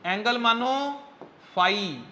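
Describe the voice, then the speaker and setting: A man teaching a physics class, quizzing his students constantly in a coaxing, brisk way. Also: sits high, lively intonation, sharp tone, a little hiss or hum. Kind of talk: classroom lecture.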